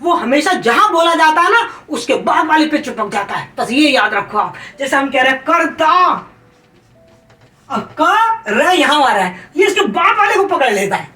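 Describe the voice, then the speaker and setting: A woman teaching Hindi grammar for an exam, stressing the rules, repeating them and asking the class if it is clear. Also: high voice, big pitch swings, moderate pace, pushed and bright, faint music behind. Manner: calls students "beta". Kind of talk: exam-prep lesson. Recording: roomy sound from a distance.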